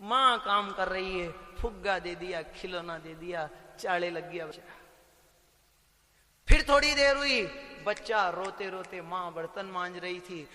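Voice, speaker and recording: Middle-aged male preacher, bright tense tone, repetitive sing-song delivery. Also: high-pitched, unhurried. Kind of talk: devotional sermon storytelling. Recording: long hall reverb.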